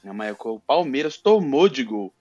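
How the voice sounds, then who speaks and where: A man's voice: medium pitch, sing-song, normal speed, dull audio, over music. A man on a podcast panel chatting casually about football, using slang and repeating his phrases.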